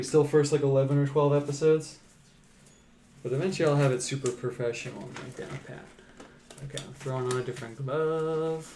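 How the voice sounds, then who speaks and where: Laid-back man with a gravelly voice. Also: mid-range voice, background noise. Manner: rambling, relaxed, many "like"s and fillers. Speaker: artist streaming a live painting show. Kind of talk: casual live-stream chat while painting.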